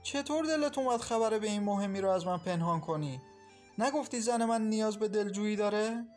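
A man's voice: sits high, animated, darkish tone, faint music behind, pitched above the performer's own voice. A man reading a storybook, voicing a distraught young husband who pleads and raises his voice in anguish.

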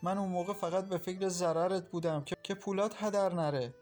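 A man reading a storybook, voicing a guilty, frightened older mother who answers softly and haltingly. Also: sits high, fairly even intonation, soft background music, pitched above the performer's own voice, lightly acted. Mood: tearful. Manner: soft, tearful, halting.

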